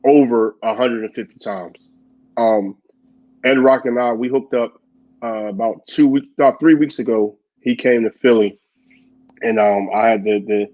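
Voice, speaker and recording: A man talks casually and with animation. He laughs easily and acts out the quotes he tells. His middle-pitched voice comes through a muffled, lo-fi recording. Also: a little mellow. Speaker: podcast co-host. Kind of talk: casual chat. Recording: dull lo-fi audio.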